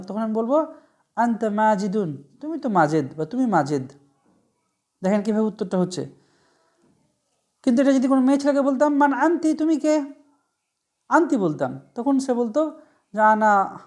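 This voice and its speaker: A woman with a Bangladeshi accent teaching an Arabic vocabulary lesson, explaining slowly, repeating each word and asking her students questions. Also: mid-range voice, darkish tone.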